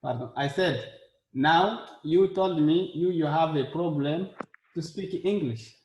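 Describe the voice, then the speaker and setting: A man's voice: fairly high pitch, measured pace, darkish tone, muffled recording. A man hosting a casual language practice session, encouraging and repeating his words as he talks. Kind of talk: casual group conversation. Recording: echoey room with faint noise.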